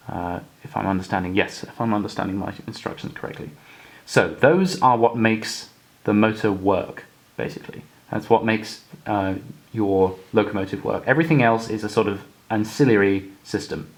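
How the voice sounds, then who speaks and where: Young man, lowish voice, unhurried hobby tutorial host. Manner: relaxed, explanatory with frequent fillers and restarts. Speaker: model railway hobbyist tutor. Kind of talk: casual demonstration tutorial.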